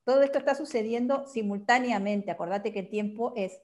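A woman's voice: on the high side, fairly quick, a little mellow. A woman, explaining patiently as a guest and often closing a point with a questioning tag. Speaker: guest teacher. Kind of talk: explanatory talk on a calendar system.

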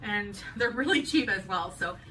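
This grocery haul vlog has a woman chatting and rambling with light laughs while she puts away groceries at home in her kitchen. She speaks at medium pitch and a moderate pace, animated, with a bright, forceful tone. The sound comes from a camera sitting on the counter: distant mic, a faint hum in the room, played back.

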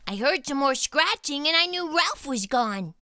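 Storytime host: bright, high-pitched woman reading a kids' book, lively and unhurried, dry close sound. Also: dry recording. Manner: animated, expressive reading. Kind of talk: children's storybook read-aloud.

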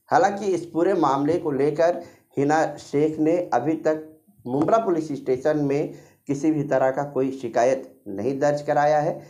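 A man narrating a local news report in a steady, measured tone, then questioning an interviewee. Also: fairly high pitch.

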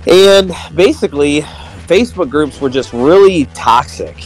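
A man's voice: a little high, animated, measured pace, faint music behind, poor audio. Friendly man laughing easily as guest. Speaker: guest YouTuber. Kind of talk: casual interview chat.

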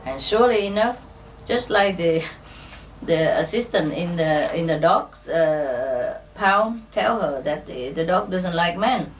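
A woman spins a string of jokes for listeners, taking her time and stopping often with fillers. Her voice sits a little low and moves very slowly. She sounds set back from the microphone, with a faint hiss behind her. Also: lively intonation. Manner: unhurried, halting storytelling with many fillers. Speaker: spiritual teacher telling jokes. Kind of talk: telling jokes to an audience. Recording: distant mic with faint ambient noise.

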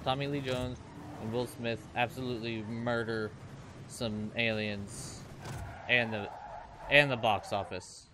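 A man's voice: medium pitch, noisy background. A man in his twenties rambling and joking with viewers as he comments on his own gameplay. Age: 20s. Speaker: let's play host.

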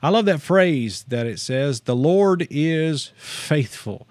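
A man's voice: fairly high pitch, animated, slow pace, darkish tone, no room sound. A man in his thirties with a Southern American accent, preaching casually on a livestream, folksy and self-deprecating, often laughing at himself. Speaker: missionary preacher. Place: small studio with purple-lit shelves. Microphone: studio desk mic.

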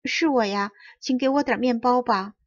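A woman's voice: fairly high pitch, normal speed, dry recording, lo-fi sound, lightly acted. A woman voicing a pitiful wooden puppet boy. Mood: pleading. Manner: pleading, whimpering.

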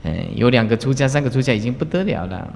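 A man's voice: quick pace, vocal fry, slight background noise. A man, a Buddhist master, giving a folksy, teasing talk on the precepts to retreat participants. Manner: folksy, teasing, chuckling asides, lively swings in pitch. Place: large lecture hall. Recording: long hall reverb.

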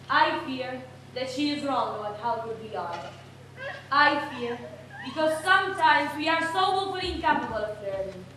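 A woman's voice: high voice, fairly bright tone, a little hiss or hum. A woman giving a reflective, earnest theatrical monologue. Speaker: stage performer. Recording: echoey theater from far off.

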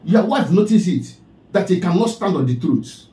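A man's voice: high-pitched, expressive, moderate pace, dark tone, reverberant, poor audio. A man with a Nigerian accent delivering a preachy, scolding commentary, repeatedly calling out the person he addresses. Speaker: online commentator.

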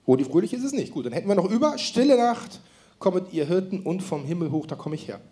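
A man's voice: high voice, very animated, quick pace, warm tone. A man hosting a live quiz show with playful, teasing game show host patter.

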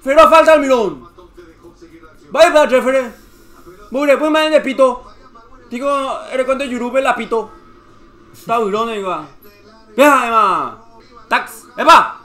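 A young man reacting live to a football match, cheering and shouting at every play. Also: extremely high pitch, a little slow, pauses often, soft background music.

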